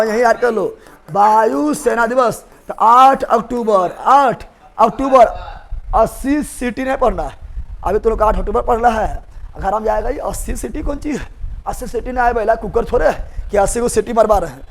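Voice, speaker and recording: High-pitched man drilling GK answers. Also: gravelly. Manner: drilling call-and-response, repeating answers; teasing, colloquial. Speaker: GK teacher. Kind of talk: live revision class.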